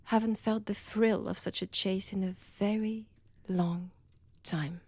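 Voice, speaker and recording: A woman plays a seductive French-accented female vampire in an intimate audio roleplay, purring gloating, teasing threats straight at the listener as her prey. Her breathy, medium-pitched, darkish voice stays steady and often drops toward a whisper, very unhurried with menacing pauses. The sound is close and dry, with no echo.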